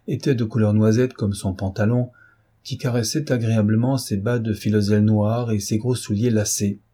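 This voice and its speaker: A man reading a classic novel aloud as an audiobook narrator, in a steady, measured manner. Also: on the low side, slightly rough.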